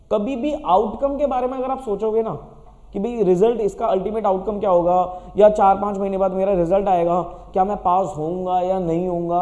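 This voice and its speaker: A man's voice: extremely high pitch, warm tone, in a large hall, highs cut off. A man teaching students, giving a direct motivational talk in which he asks questions and answers them himself.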